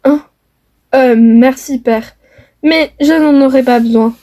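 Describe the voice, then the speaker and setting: Brief: defiant young lover son, woman acting, earnest, stumbles on fillers, high pitch. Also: slow, dark tone. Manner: earnest, hesitant with many fillers. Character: young man in love, defiant toward his mother. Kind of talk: homemade family skit.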